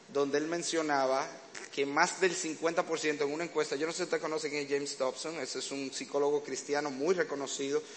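Un predicador con acento dominicano que da un sermón sobre el matrimonio con humor e imita escenas de la vida en pareja. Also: male voice, a little high, a bit bright. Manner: humorous, acts out domestic scenes. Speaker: preacher. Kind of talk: sermon to couples. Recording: reverberant hall, faint background noise.

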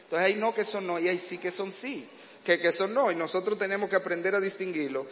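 Predicador dominicano de voz aguda. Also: male voice, high voice, brisk, a bit bright. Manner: humorous, acts out domestic scenes. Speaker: preacher. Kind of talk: sermon to couples. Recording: reverberant hall, faint background noise.

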